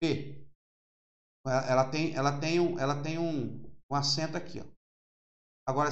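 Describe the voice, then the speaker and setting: A male preacher giving a fervent sermon, slowing down to explain Hebrew letters as if writing them on a board. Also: high voice, roomy sound.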